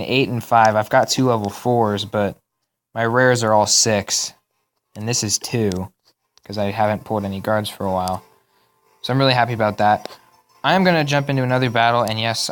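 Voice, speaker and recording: A young man giving casual, rambling commentary on a mobile game replay, correcting himself as he goes, his voice worn and going hoarse. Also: mid-range voice, poor audio. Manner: rambling, self-correcting, chatty. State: losing his voice. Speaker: gaming channel host.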